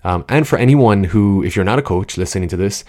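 Low-voiced man hosting a casual podcast. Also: animated, fairly quick, a little mellow. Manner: informal, chatty, goes off on tangents, addresses listeners directly. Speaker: podcast host, coach. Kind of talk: casual solo podcast talk with scripted opening. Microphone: studio podcast microphone.

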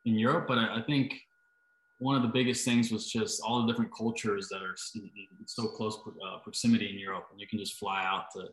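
Hesitant low-voiced man in echoey room. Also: flat delivery, brisk, fairly bright tone. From Costa Rica. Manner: hesitant, many fillers and restarts. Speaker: startup founder, guest. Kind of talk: casual interview answers. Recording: roomy, echoey sound.

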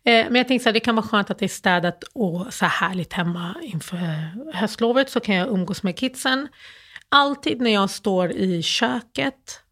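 A middle-aged woman from Sweden speaks as an interview guest, telling her story in halting phrases. She fills her speech with fillers and restarts and acts out the old phone calls in her own voice. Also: medium pitch, a bit bright. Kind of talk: personal interview, emotional storytelling.

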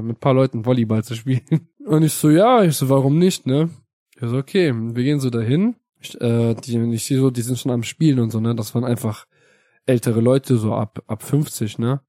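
Joking podcast host, dry close sound. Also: male voice, medium pitch, brisk, mellow, no room sound. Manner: joking storyteller, tags lines with "ne?". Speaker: podcast host asking questions. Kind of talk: casual podcast chat.

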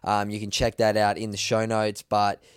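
Aussie guy hosting a pod, upbeat and chatty, lowish voice, dry close sound. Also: completely flat delivery, moderate pace, clear, resonant tone, no echo. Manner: upbeat, chatty, says mate a lot. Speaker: podcast host. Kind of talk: casual podcast interview. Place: indoors, travelling in New Zealand.

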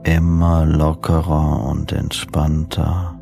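Slow, very deep male sleep story narrator. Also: little pitch movement, gravelly. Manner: soothing, measured, deliberate phrasing with pauses. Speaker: host and hypnosis coach narrating sleep meditations. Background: new-age music.

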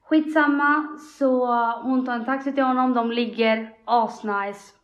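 Woman, high voice, casual podcast storytelling, animated and slangy, dull lo-fi sound. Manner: animated retelling, slangy and quick. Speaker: podcast co-host.

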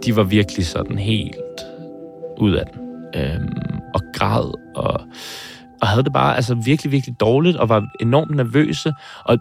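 A man in his twenties, speaking hesitantly and thoughtfully in an interview, often pausing and restarting. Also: on the low side, gravelly. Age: 20s. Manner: hesitant, pauses and restarts, searching for words. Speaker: film director interviewed about his heart surgery. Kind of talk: reflective interview.

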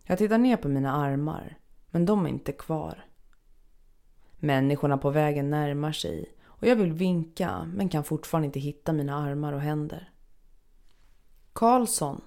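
A woman with a low, gravelly voice reads a first-person story aloud. Her delivery is measured and somber. She takes her time over each sentence. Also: warm tone. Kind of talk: first-person scripted narration.

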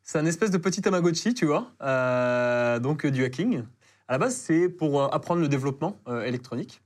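A man appearing as a guest cybersecurity expert. He gives relaxed, casual explanations with lots of hesitation fillers. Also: on the high side, fairly quick. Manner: laid-back explainer, many fillers.

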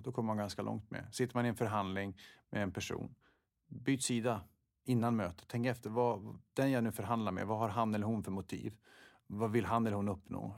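A man's voice: on the low side, gravelly. A man guest in an interview, speaking reflectively and often posing rhetorical questions to himself. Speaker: guest, football referee.

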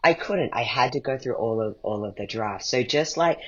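Muffled, lo-fi audio captures a playwright and podcast creator as a guest, thinking aloud and voicing questions to himself. His mid-range voice is animated and fairly bright with a breathy edge, at a normal speed.

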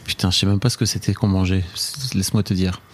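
A man's voice: low voice, fairly even intonation, fast. A man co-hosting a podcast, chatting casually and animatedly, swearing freely and restarting his sentences. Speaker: podcast co-host. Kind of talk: casual chat.

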